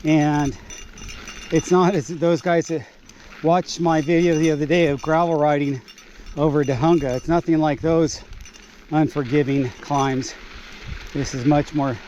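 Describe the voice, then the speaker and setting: Winded male cyclist vlogger, very slow effortful delivery with heavy breathing, dull audio from outdoors. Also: on the high side, fairly even intonation, a little mellow. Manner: halting, short effortful phrases. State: out of breath, breathing heavily from climbing. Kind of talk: casual vlog narration while cycling uphill. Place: outdoors, riding a bike on a climb. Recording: muffled, noisy outdoor ride recording.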